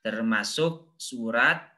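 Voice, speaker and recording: Slow, bright-voiced man teaching Quran recitation. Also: medium pitch. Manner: slow, patient, models each word and corrects mispronunciations; chants verses drawn out and stressed. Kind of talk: online lesson for primary school pupils.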